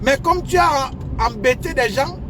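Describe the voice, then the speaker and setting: A man with a strikingly high voice lectures his viewers, hammering home each point by repeating it. He talks outdoors near a street, and the sound of passing traffic comes through clearly. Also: expressive, unhurried. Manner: lecturing, repetitive, emphatic. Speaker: advice vlogger. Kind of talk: casual advice monologue.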